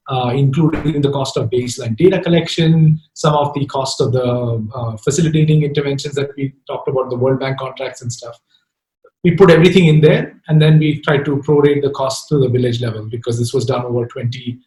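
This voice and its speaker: A man's voice: medium pitch, a little mellow. A male professor giving an academic lecture, explaining step by step with frequent fillers and checking "right?" with his listeners. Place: lecture hall. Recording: echoey lecture room.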